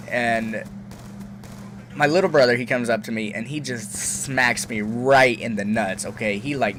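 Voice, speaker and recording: A young man spins a story for his vlog, rambling and animated in an ordinary middle pitch. He keeps stopping to ask "okay?" as he goes. A faint hum of room noise sits under his voice. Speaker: vlogger.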